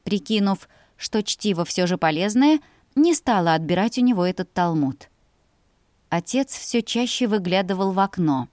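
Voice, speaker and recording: A woman reading a first-person fantasy audiobook in a lively, expressive way. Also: medium pitch, normal speed, dry recording, clean studio sound. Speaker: audiobook narrator. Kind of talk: scripted first-person narration.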